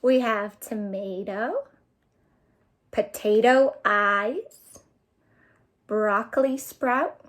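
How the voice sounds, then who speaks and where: Hosting a children's storytime, a librarian reads and sings along in an exaggerated, sing-song manner for little ones. She draws out her words in a mid-range, fairly bright voice, leaving long pauses.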